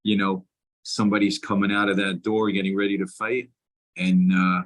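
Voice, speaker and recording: Male interviewer from New York, lowish voice, casual, halting, rephrasing as he talks. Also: level tone, fairly bright tone. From Brooklyn, New York. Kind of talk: casual chat. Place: indoors, on a video call.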